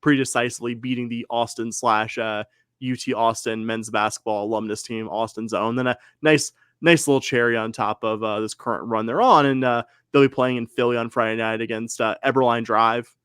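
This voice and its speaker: A man's voice: medium pitch, steady tone, brisk, a bit bright, clean tone, no echo. Casting note: male podcast co-host, casual rambling delivery, dry close sound. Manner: rambling, frequent fillers and self-corrections. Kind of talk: casual sports podcast chat.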